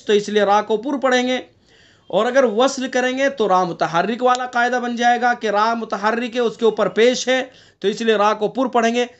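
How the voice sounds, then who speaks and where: A man teaching an online class in Quran recitation, questioning his students and explaining each rule step by step, with slow chanted recitation in between. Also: very high-pitched, fairly bright tone, dull audio. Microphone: online class connection.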